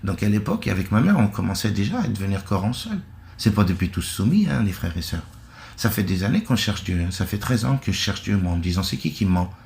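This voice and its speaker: A man's voice: on the low side, big pitch swings, fast talker, gravelly, darkish tone. A middle-aged man from France giving a blunt, rambling monologue with many asides. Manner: blunt, conversational, full of asides and restarts. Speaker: online religious commentator. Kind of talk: casual monologue.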